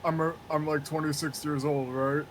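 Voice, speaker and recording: A man in his twenties, a co-player on a game stream, chatting in an easygoing, halting way. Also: on the high side, little pitch movement, a little hiss or hum, poor audio. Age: 20s. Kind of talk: casual chat.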